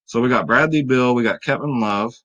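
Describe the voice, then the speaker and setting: A man's voice: mid-range voice, fairly quick, fairly bright tone, muffled recording. Chatty tired man hosting sports picks. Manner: chatty, hype-building, talks straight to viewers. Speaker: fantasy sports picks host. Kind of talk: casual video commentary.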